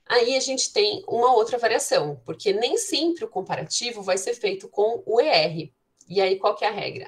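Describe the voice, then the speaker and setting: A woman teacher with a Brazilian Portuguese accent explaining English grammar in an online class, reading English examples slowly and often checking in with "né". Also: medium pitch. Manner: switches between Portuguese and slow, carefully spoken English examples; frequent filler "né" checking with students.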